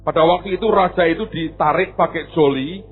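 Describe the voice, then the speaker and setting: A man's voice: a little high, brisk, slightly rough. A male pastor, telling a story in a sermon and acting out the people in it, often calling the congregation "saudara". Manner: animated, acts out quoted voices, addresses congregation as saudara. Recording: tinny phone-like audio with faint music.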